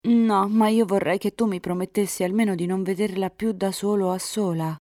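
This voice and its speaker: A woman's voice: fairly even intonation, moderate pace, warm tone, no echo, studio quality, close to an everyday voice. A woman reading aloud, voicing a tender young woman in love who pleads earnestly. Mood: pleading. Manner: earnest, emotional, rising pitch.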